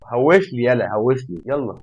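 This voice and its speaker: Fast-talking Egyptian gamer man. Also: mid-range voice, dull audio, a little hiss or hum. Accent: Egyptian Arabic. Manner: excitable, talks to himself and the game, yells in frustration. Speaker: gaming YouTuber. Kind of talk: let's play commentary.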